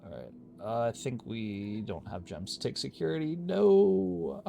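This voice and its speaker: A man's voice: on the low side, sing-song, normal speed, creaky, slight background noise. A man giving casual gameplay commentary, thinking aloud and muttering to himself as he plays. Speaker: gaming YouTuber.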